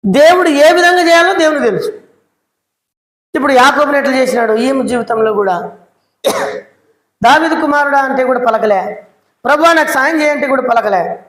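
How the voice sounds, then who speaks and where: A man's voice: extremely high pitch, a bit bright. A man preaching a sermon in a prayer hall, emphatic and full of rhetorical questions. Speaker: church preacher.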